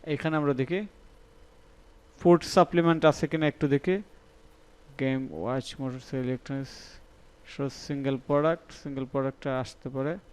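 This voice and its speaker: A man's voice: medium pitch, fairly even intonation, normal speed, long pauses, darkish tone, clean tone. A young man with a Sylheti-tinged Bangla accent teaching a live online class, thinking aloud, repeating words and checking that students follow. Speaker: instructor.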